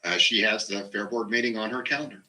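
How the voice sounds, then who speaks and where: A very low-pitched man talks in an informal meeting, stopping and restarting as he goes. His voice has a very bright, tense edge. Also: fairly even intonation, quick pace, poor audio. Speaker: meeting participant.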